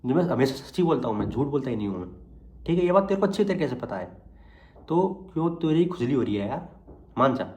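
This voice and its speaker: Young male vlogger, mid pitch, rambling filler-heavy chat, echoey room. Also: very animated, fast talker, warm tone. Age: young adult. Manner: rambling, full of fillers, angry threats turning to tired chat. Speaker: exam student vlogger. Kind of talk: casual vlog monologue.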